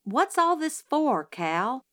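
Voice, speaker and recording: A woman voicing an indignant adolescent boy in a storybook reading, protesting in quick bursts. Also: sits high, very animated, bright, forceful tone, no room sound, clean studio sound, pitched above the performer's own voice, exaggerated voice. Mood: puzzled.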